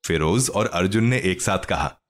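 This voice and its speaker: A man narrating a children's story in an expressive, scripted reading. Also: deep voice, normal speed.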